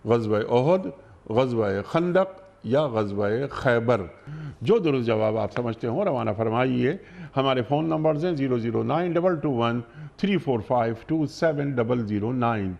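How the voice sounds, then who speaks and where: A man's voice: mid-range voice, animated, creaky, darkish tone. A man from Pakistan hosting a religious TV program in a formal, polite manner, reading out quiz questions and contact numbers. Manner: polite, formal address to guest. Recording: dull lo-fi broadcast audio.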